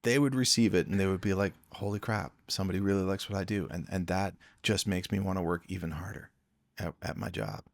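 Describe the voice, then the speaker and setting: A man's voice: sits low, fast, creaky, no room sound, studio quality. A man from Canada, a music producer guest on a podcast, talking earnestly and reflectively and often repeating words as he thinks. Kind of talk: casual podcast conversation.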